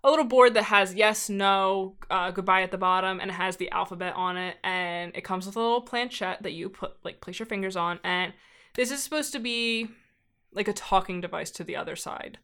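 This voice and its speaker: A young woman in the middle of her range tells stories as a podcast guest, keeping it casual and chatty with constant "like" fillers. Her delivery is brisk, and her tone is smooth and fairly bright.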